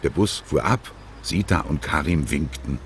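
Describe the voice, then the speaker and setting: A man narrating a children's audiobook with gentle, expressive storytelling. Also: very deep voice, a little slow, a little hiss or hum.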